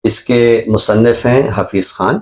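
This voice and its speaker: Speaking in a medium-pitched voice with fairly even intonation, this Pakistani-accented presenter reviews a book unscripted on his show. His explanations are measured and scholarly.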